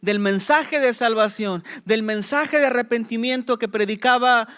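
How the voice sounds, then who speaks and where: A man's voice: extremely high pitch, normal speed, fairly bright tone, clear, resonant tone. A man preaching a sermon as pastor, with impassioned emphasis and rhetorical questions to the congregation.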